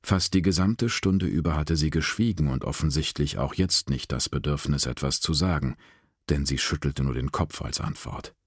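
A man narrating an audiobook in a very low, deep voice. He reads evenly and steadily, close to the mic. The sound is dry, with no room. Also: moderate pace, husky, no room sound.

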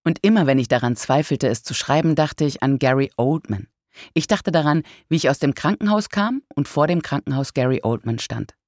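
Brief: audiobook narrator, measured first-person reading, wry humor, close and dry. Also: mid-range voice, expressive, a little mellow, no echo.

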